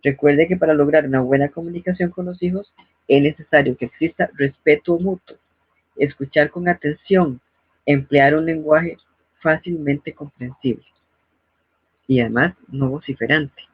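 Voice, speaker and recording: A woman's voice: low voice, moderate pace, slightly rough, dry recording. A middle-aged woman hosting a parenting advice talk in a didactic way, now and then acting out scolding parents. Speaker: host. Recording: dull, lo-fi dry recording.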